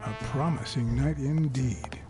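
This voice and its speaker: An actor playing a wry, hard-boiled animal private detective in a noir game, his voice gravelly. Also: medium pitch, unhurried, close to an everyday voice. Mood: dry, musing. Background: game music.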